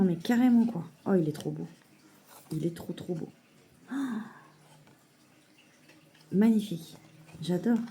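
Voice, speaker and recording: A woman showing a parcel in a casual vlog at home, hesitant with many fillers and softly gushing. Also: mid-range voice, breathy edge. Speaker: mother unboxing a parcel of saving challenges. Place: at home at a table.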